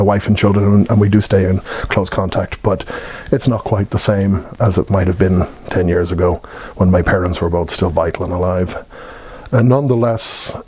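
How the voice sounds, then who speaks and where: An Irish man in his fifties recalls his own life story in a low, mellow voice with a husky edge. He talks in a reflective, measured way, pausing and restarting as he thinks. The recording is close and dry. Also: no room sound. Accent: Irish (Dublin). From Ireland (Dublin). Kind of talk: personal life-story recollection.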